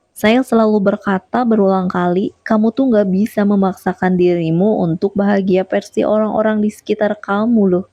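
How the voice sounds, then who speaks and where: In a muffled recording with no room sound, a motivational YouTuber speaks straight to her audience in a mid-range, slightly mellow voice. She often repeats her points and asks viewers questions.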